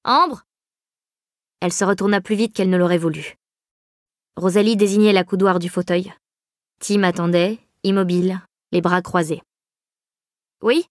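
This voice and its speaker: A woman reading a novel aloud in a measured, even storytelling manner. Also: fairly low pitch, no room sound, studio quality. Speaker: audiobook narrator. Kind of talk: scripted narration.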